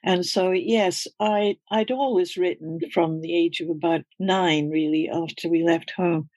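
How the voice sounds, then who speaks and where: An older woman from Scotland, a guest in an interview, reflecting on her life in an unhurried storytelling way. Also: on the low side, fairly even intonation, darkish tone, dry recording. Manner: reflective, storytelling, slight laughs. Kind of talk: conversational interview.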